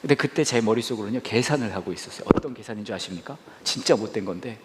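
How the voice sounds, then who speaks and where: A man's voice: lowish voice, very fast, heavy background noise. A male pastor preaching a sermon, telling a personal story with laughter and acted-out dialogue, at a church service. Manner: animated, laughing, acts out dialogue.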